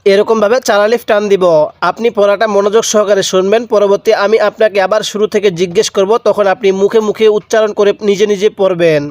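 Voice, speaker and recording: A man teaching Quran reading, spelling each letter slowly with a Bangladeshi Bengali accent, stretching vowels in long drawn-out readings, and asking questions that he answers himself. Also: high voice, little pitch movement, darkish tone, no echo. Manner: asks the viewer questions and answers them himself. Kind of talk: step-by-step spelling lesson.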